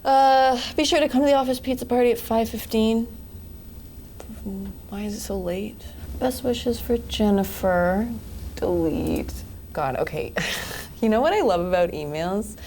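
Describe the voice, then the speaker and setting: A woman playing a dry, slow-talking office worker. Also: medium pitch, darkish tone, slight background noise. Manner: dry, muttering to herself. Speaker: office worker reading emails. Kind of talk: mockumentary.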